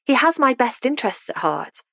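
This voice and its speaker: A young woman speaks politely but a little stiffly in a storybook reading, played by a woman narrator. The voice sits a touch higher than the narration and is recorded close and dry. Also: big pitch swings, normal speed, gravelly, bright, forceful tone, dry recording, full character voice.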